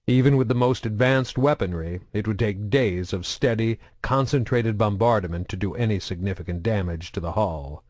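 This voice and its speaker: A man narrating a science fiction novel in a steady, measured reading style. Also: fairly low pitch, dry recording, studio quality. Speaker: audiobook narrator. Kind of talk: audiobook narration.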